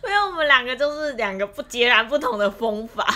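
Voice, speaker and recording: A woman's voice: on the high side, fairly quick. A young woman co-hosting a podcast, chatting casually and laughing often as she tells stories. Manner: laughs often, animated retelling. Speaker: podcast co-host. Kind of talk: casual storytelling chat.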